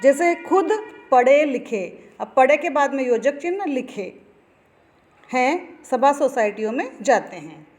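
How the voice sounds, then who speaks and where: A woman with a fairly high voice gives a lesson to children. She explains patiently, pausing over examples and asking if they follow. It sounds like a simple recording made on a phone. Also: animated, a little mellow. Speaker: teacher. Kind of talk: classroom lesson.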